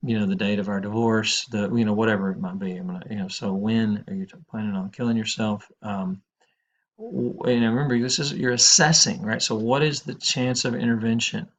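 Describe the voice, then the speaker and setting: A man's voice: on the low side, steady tone, fairly quick. A middle-aged man teaching a crisis counseling class, talking informally with many fillers and restarts. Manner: rambling, many fillers and restarts, frank anecdotes. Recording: dull lo-fi classroom recording.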